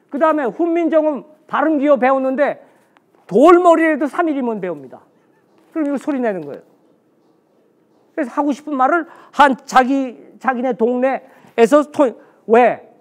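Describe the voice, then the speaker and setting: A man giving a special history lecture in a blunt, colloquial way, asking himself questions and answering them. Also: extremely high pitch.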